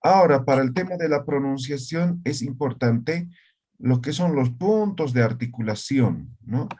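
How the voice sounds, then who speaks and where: A man gives an online language lesson at an unhurried, deliberate pace. He explains patiently, often pausing to check that his students follow. Now and then he sounds out short syllables to demonstrate pronunciation. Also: medium pitch, expressive, mellow, slight background noise. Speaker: language teacher.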